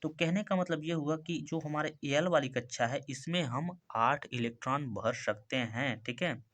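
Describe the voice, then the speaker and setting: A man's voice: fairly high pitch, fairly bright tone. A man explaining a chemistry lesson in a casual classroom style, often asking himself short questions and answering them. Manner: repeats key terms as quick questions, says "ठीक है" and "भाई" often. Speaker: chemistry teacher.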